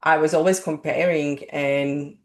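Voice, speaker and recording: A woman's voice: sits low, steady tone, a little slow, a little mellow. A woman who immigrated to Australia and is not a native English speaker, hosting a podcast interview in an earnest way, often restarting and searching for words. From immigrant living in Australia. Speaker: podcast host. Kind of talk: casual interview chat.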